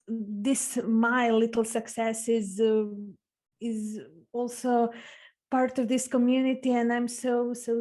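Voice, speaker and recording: A young woman from Croatia with a Croatian accent, speaking halting non-native English as a guest author, full of uh fillers, on a video call. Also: a little high, mellow. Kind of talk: video interview.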